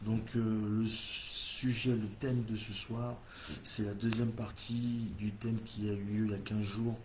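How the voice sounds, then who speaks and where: A man's voice: lowish voice, flat delivery, unhurried, darkish tone, a little hiss or hum. A man with an English-speaking accent hosting a church livestream, leading a fervent, repetitive prayer in French. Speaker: church host.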